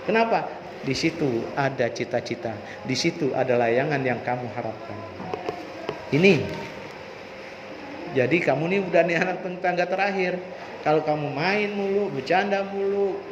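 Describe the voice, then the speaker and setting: A man giving a motivational storytelling talk to students, asking rhetorical questions. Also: fairly high pitch. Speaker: school orientation speaker. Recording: echoey hall, dull sound, faint noise.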